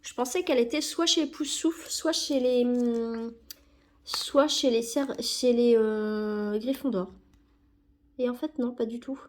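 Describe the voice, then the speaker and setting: This young woman, a YouTuber opening sticker packs, has a cold and talks at a measured pace in a fairly high voice. She fills an album with stickers as she chats casually, full of fillers and self-corrections.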